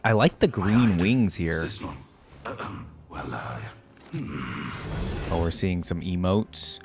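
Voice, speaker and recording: A man with a low voice hosts a reaction video, speaking very slowly over background music. His commentary to the camera or screen is casual, unscripted, and rambling.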